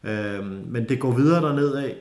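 A man telling a lively, casual story with many fillers and restarts. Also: mid-range voice. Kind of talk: casual spoken anecdote. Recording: roomy echo.

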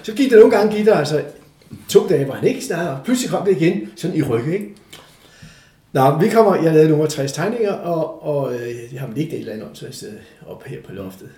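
Older man telling an animated story. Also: on the high side. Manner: animated, acts out the voices in his story. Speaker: interviewee. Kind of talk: casual storytelling. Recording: echoey room.

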